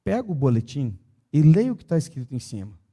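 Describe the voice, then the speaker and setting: A man voicing a calm, gentle wife who soothes her husband in a soft, low voice. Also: fairly quick. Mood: soothing.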